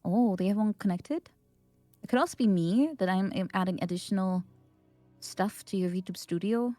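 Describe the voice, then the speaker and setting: A woman's voice: mid-range voice, normal speed, mellow, dry recording, faint music behind. A woman hosting a casual chat stream, laughing often and restarting her sentences. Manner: giggly, with many laughs and restarts. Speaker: host.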